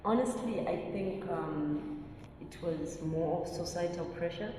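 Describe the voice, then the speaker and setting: Woman guest from Zimbabwe, low voice, long room reverb. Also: measured pace, dark tone. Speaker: guest, PhD candidate in agricultural science. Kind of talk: podcast interview. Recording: echoey room, mic at a distance, noisy.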